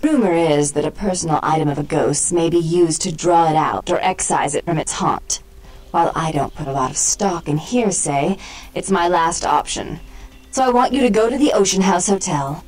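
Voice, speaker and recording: A woman's voice: fairly low pitch, normal speed, darkish tone, low-quality recording. An actress voicing a poised, haughty female vampire who runs a club, speaking formally in a video game.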